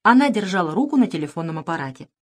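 A woman narrating a children's audiobook in an expressive storytelling manner. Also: on the low side, very fast.

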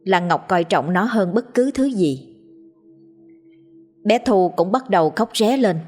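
A woman narrating a story in a measured, expressive reading voice. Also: mid-range voice. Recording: soft background music.

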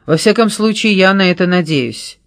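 A man reading a calm male French private detective in an audiobook, gently persuading a suspect. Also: sits high, normal speed, dry recording, clean studio sound, voice pushed up. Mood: persuasive.

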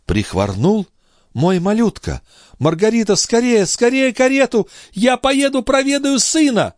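A man reading a frantic young noblewoman and grieving mother in an audiobook, pleading and then rising to shrill commands. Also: very animated, moderate pace, dry recording, studio quality.

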